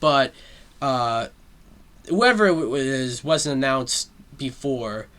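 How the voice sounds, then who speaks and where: Animated, bright-voiced man riffing casually. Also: mid-range voice, slow. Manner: rambling, swears often, lots of fillers. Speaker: solo talk show host. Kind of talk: casual pop-culture commentary.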